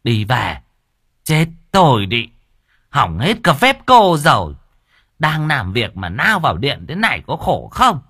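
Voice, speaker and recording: A man voicing an irritable, sharp-tongued woman spirit medium who scolds in an exasperated way. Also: low voice, very animated, measured pace, dry recording, studio quality, heavily acted. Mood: scolding.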